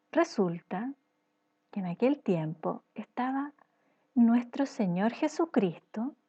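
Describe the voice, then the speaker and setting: A woman's voice: medium pitch, warm tone, muffled recording. A woman teacher telling a parable to children in a patient, questioning storytelling style.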